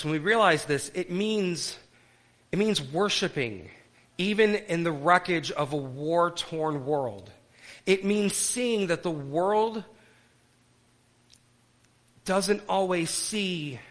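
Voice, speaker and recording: Higher-voiced male pastor, solemn and measured. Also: fairly bright tone. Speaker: pastor leading worship and communion. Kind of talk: sermon and liturgical recitation. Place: church worship service.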